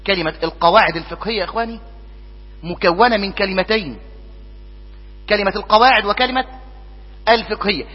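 A man's voice: sits high, quick pace, pauses often, husky. A man with an Egyptian accent teaching a jurisprudence lesson, putting questions to his students and answering them himself. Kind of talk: classroom lesson. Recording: dull lo-fi recording in a hall with long reverb.

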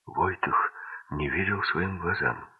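A man narrating a thriller audiobook in a steady, measured reading. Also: low-pitched, breathy edge. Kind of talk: scripted narration. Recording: tinny lo-fi audiobook recording.

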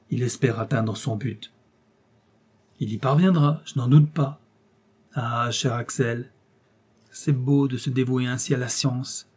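A man reading an audiobook, voicing a gentle but resolute young woman who speaks softly and earnestly. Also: medium pitch, breathy edge. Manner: soft, earnest, tender.

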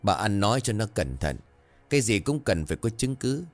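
A man's voice: on the low side, sing-song, normal speed, soft background music. A man voicing a stern, worried older farmer who talks curtly to his wife. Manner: gruff, curt.

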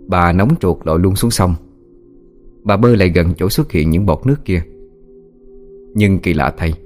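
A man reading a ghost story aloud in a slow, somber way. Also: deep voice. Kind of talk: scripted horror story narration. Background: soft music with singing bowl.

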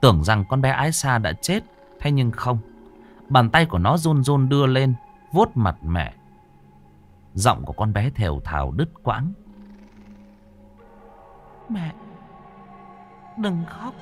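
A man narrating a horror story in a slow, expressive, dramatic manner. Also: mid-range voice, soft background music.

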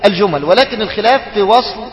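A man with an Egyptian accent teaching a study circle, mixing formal Arabic with colloquial speech, quizzing his students and slowly chanting phrases to demonstrate them. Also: sits high, expressive, long reverb tail. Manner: questions students and draws out the answers, chants the takbir slowly to demonstrate.

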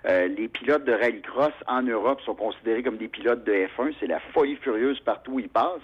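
A man's voice: mid-range voice, brisk, breathy edge, muffled recording. A man from Quebec with a Québécois French accent, a motorsport announcer telling stories in a radio interview, full of fillers and restarts. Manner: chatty, animated storyteller with frequent fillers.

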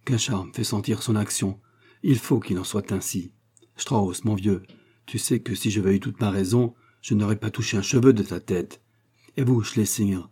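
A man's voice: on the low side, mellow, breathy edge. A man voicing an earnest young male student who speaks urgently and pleadingly.

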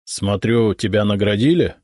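A man reading an audiobook, voicing a calm, thoughtful middle-aged aristocratic father. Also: on the low side, no echo, clean studio sound, natural voice. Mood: pensive. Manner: pensive, measured.

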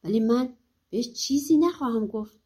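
A woman's voice: a little high, dark tone, slightly rough. A woman voicing a crafty peasant man who tricks others in a folk tale. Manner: playful, crafty tone. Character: sly, cheerful young peasant man.

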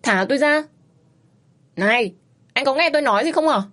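A woman voicing a fiery, stubborn young woman who speaks in high, shrill outbursts and pleads loudly. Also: animated, normal speed. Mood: furious.

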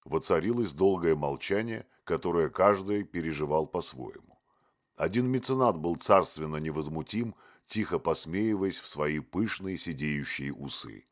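Deep-voiced male audiobook narrator. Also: animated, moderate pace. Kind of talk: scripted literary narration.

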